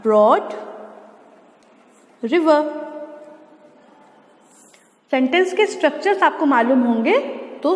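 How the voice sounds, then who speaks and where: A woman teacher giving a lesson, explaining sentence structure step by step and slowly sounding out English words. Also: fairly high pitch. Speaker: school teacher. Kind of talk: classroom lesson explaining translation. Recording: echoey room with long reverb.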